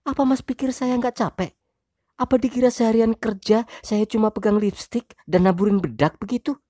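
A woman voicing a sharp-tongued young wife in an audio story, shrill and sarcastic as she argues with her husband. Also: normal speed, no echo, studio quality, close to an everyday voice. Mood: indignant. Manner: shrill, sarcastic, rising indignation.

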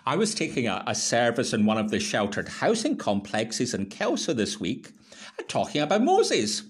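An older man, a minister preaching a sermon and leading prayer in church, telling stories gently and plainly. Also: sing-song, slightly rough. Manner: slow, gentle storytelling with wide pitch swings.

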